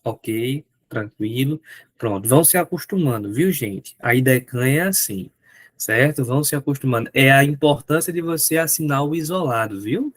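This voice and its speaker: A man's voice: medium pitch, moderate pace, no room sound. A man teaching a live online exam-prep lesson, chatty and joking, talking to viewers in the chat.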